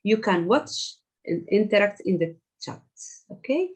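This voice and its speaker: A woman's voice: mid-range voice, animated, a little slow, slightly rough, poor audio. A woman hosting an online class, talking hesitantly with many fillers over a video call. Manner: hesitant, filler-heavy, encouraging. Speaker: class organizer.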